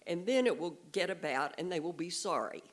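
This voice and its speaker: A woman reading a storybook aloud and voicing a melancholy old male donkey in a slow, mournful way. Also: fairly low pitch, lively intonation, pitched above the performer's own voice, natural voice. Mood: gloomy.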